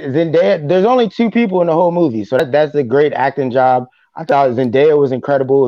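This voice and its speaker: A man of medium pitch hosts a casual podcast chat. The recording is very dry and close, with slightly dulled top end. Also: no echo. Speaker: podcast host. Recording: dry, slightly dull sound.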